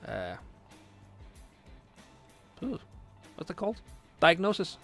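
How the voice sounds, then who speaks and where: Over soft background music, a Danish man in his late twenties chats with his stream's viewers late at night while playing a game, reading their questions. His high, fairly bright voice has huge pitch swings, a slow pace, and vocal fry, and his accented English is hesitant and packed with fillers as he searches for words.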